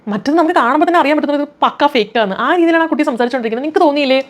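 A woman's voice: sits high, very fast. A woman giving opinionated commentary on a reality show, emphatic and often putting questions to her viewers.

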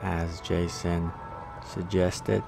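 A young man with a deep voice narrates casually as a vlogger. He recounts things in a conversational way, with music playing behind him. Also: level tone, very slow, gravelly. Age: young adult.

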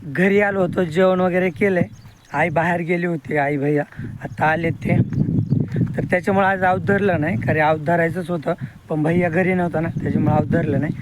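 A farmer talks casually to his phone camera out in the field, now and then calling out to his animals. His voice sits a little high for a man. Heavy outdoor noise runs underneath the whole recording. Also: fairly even intonation, a little fast. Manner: chatty, calls out to animals. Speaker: farmer vlogger. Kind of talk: casual farm vlog narration. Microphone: phone held while filming. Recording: loud outdoor background noise.

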